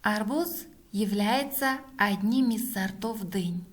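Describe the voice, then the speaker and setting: A woman teacher dictating a school dictation slowly, word by word, with deliberate enunciation. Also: mid-range voice.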